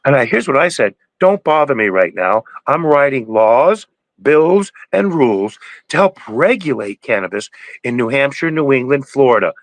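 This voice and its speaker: The recording is dry, carrying an expressive mid-range male voice at a moderate pace. The speaker, a cannabis breeder in his sixties on a podcast, talks casually in interview style, rambling, preaching and restarting frequently.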